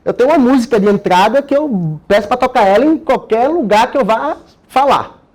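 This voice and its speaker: A man's voice: very high-pitched, animated, brisk, a little mellow. A Brazilian man talking casually and energetically about how he prepares himself, with frequent tag questions and slang. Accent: Brazilian Portuguese. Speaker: course participant sharing his method. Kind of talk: casual explanatory talk.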